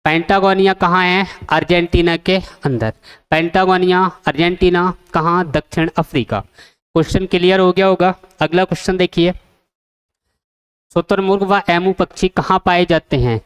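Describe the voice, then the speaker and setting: Man, coaching teacher, high voice, smooth and resonant, quiz-style drilling. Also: steady tone, normal speed. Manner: quizzing students with questions and repeated answers. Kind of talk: exam-prep geography lesson.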